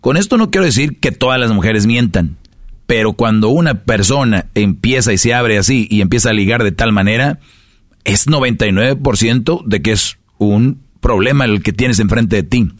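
A man's voice: fairly low pitch, lively intonation, moderate pace, no room sound, studio quality. A man with a Mexican Spanish accent hosting a casual podcast, lecturing his listeners with rhetorical questions. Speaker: podcast host.

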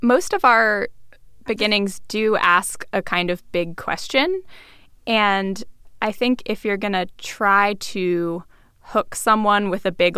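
A woman who co-hosts a podcast, talking in a relaxed, conversational way that moves between casual chat and narration, with filler words like 'like'. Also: medium pitch, clean tone, no room sound, clean studio sound. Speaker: podcast co-host and producer.

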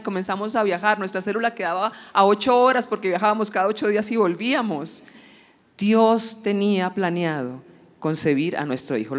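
A woman tells a heartfelt church testimony, acting out the dialogue with energy. Her voice sits at a middle pitch for a woman. A long reverb from a large hall trails behind her words. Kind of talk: emotional testimony storytelling.

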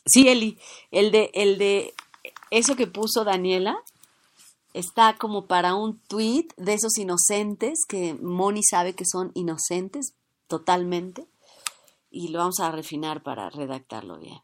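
A woman's voice: medium pitch, measured pace. Playful woman acting out little scenes. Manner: playful, acts out little scenes in changing voices. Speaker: live stream host. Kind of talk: casual chat with listeners.

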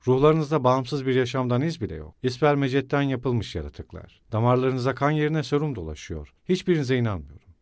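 A man voicing a hot-tempered, loyal young male student who shouts, scolds and pleads in a loud, blustering way, in a dry audiobook recording. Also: medium pitch, lively intonation, brisk, hardly any pauses, no room sound, natural voice. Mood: scolding.

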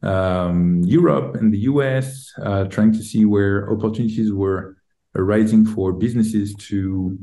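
A middle-aged man from France with a French accent, answering interview questions with many pauses and restarts. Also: lowish voice, warm tone. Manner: hesitant, many ums and restarts. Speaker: guest, tech executive. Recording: roomy echo.

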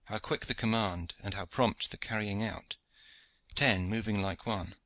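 A man reads a classic adventure novel aloud in steady, clear narration. His voice sits low, with a very bright, sharp edge, and the sound is dry and close with no room echo. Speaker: audiobook narrator. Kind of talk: scripted narration.

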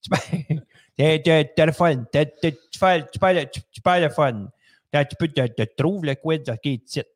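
A man's voice: fairly high pitch, unhurried, natural voice. A man voicing a goofy male quiz-host character who stammers and repeats words constantly in a comic radio bit. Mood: stammering.

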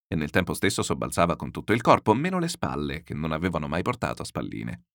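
A man narrating a classic novel as an audiobook in a theatrical, animated storytelling manner. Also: very deep voice, quick pace, gravelly, no room sound, studio quality. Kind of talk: expressive literary narration.

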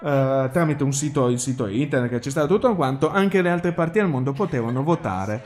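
A man's voice: mid-range voice, animated, brisk, darkish tone. A man with an Italian accent giving casual live commentary in an emphatic, wry, repetitive way. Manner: emphatic, repeating himself, wry.

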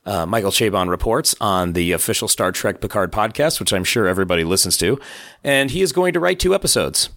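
A man co-hosting a casual podcast, hoarse from losing his voice, trading dry jokes. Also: fairly low pitch, lively intonation, a little fast, a bit bright, no room sound. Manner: dry, joking banter. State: hoarse from lost voice. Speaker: podcast co-host. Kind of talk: casual chat.

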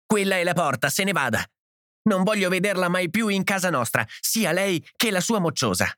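A furious housewife yelling in a shrill, frantic voice, played by a man. Her pitch leaps high and swings wildly as she shouts. The read sounds dry and close, with no room around it. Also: animated, fairly quick, no room sound.

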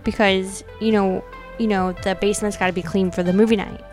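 Her voice sits at a medium pitch with fairly even intonation, a little quick and a little mellow, over soft background music. She's a podcast co-host chatting casually and giving dramatic readings of old notes, peppering her talk with "like" and "you know."

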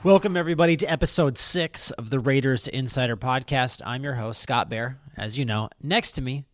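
A man's voice: mid-range voice, brisk, dry recording, studio quality. A man hosting a casual sports podcast, chatting loosely with filler words and easy laughs. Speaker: podcast host.

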